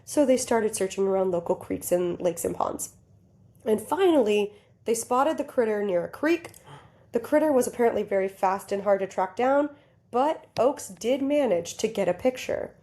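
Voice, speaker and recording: A woman co-hosting a podcast, telling a story in casual chat, giggly and animated, talking straight to her listeners. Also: mid-range voice, normal speed. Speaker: podcast co-host.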